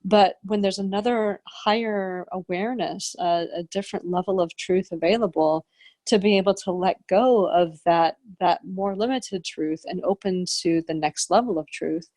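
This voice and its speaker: A woman's voice: medium pitch, moderate pace, darkish tone, no echo. A woman co-hosting a podcast, talking in a rambling, reflective way with frequent restarts as she searches for words. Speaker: podcast co-host. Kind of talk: casual spiritual conversation.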